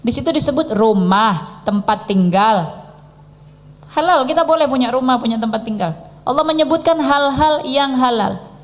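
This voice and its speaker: A middle-aged woman giving a religious lecture, animated, acting out pleading prayers as she teaches. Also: high voice, moderate pace. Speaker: preacher.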